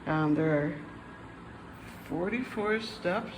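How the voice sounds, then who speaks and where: A man's voice: high-pitched, slow pace, noisy background. A man in his fifties giving casual, chatty travel vlog narration outdoors at a lighthouse, plain-spoken with frequent ums and restarts. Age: 50s. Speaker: travel vlogger.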